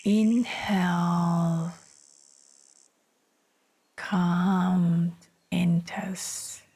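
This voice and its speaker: A woman's steady, lowish voice carries a guided meditation, delivered in a breathy, soothing way. Short phrases alternate with long silences while birds sing behind her.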